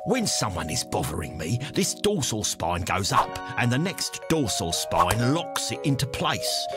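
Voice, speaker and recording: A man voicing a cocky, territorial triggerfish tough guy in an educational cartoon, brash, boastful and slangy. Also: lowish voice. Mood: cocky, menacing.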